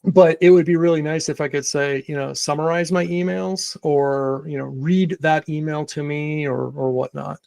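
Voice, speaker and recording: Male podcast co-host, casual and rambling, gravelly voice. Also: a little high, fairly even intonation, moderate pace, few pauses, a little mellow, no room sound. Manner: rambling, many restarts and fillers. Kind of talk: casual chat.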